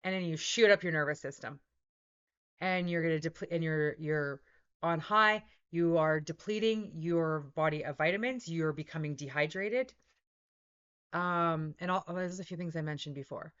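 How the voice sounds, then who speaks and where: Wellness vlogger, casual rambling talk to camera, smooth voice, dry, slightly muffled recording. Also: mid-range voice, normal speed, fairly bright tone. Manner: rambling, self-correcting, keeps asking "right?"; voices own inner thoughts in quotes. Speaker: intuitive wellness channel host. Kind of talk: casual reflective monologue to camera.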